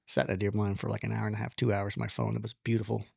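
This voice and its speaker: A man telling a long personal story in casual conversation, animated, blunt and self-deprecating, with the odd curse word. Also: on the low side, rapid-fire, creaky, slightly rough, no room sound, studio quality. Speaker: podcast guest.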